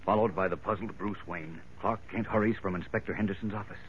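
A man's voice: deep voice, steady tone, fast talker, a little hiss or hum. A man with an American accent narrating a 1940s radio serial in a dramatic, suspenseful old radio announcer style. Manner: dramatic, suspense-building delivery. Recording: dull, lo-fi vintage radio recording.

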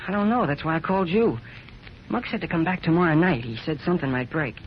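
An American man plays an eager young American cub reporter in a 1940s radio drama. He sounds boyish, high and anxious, with earnest excitability. The old recording is muffled, with some noise. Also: quick pace, lightly acted.

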